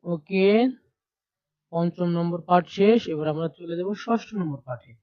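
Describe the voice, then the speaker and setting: A man's voice: sits high, moderate pace, dry recording, dull audio. A man teaching a primary class over a shared screen, explaining step by step and repeating letter sounds aloud. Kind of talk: screen-share textbook lesson.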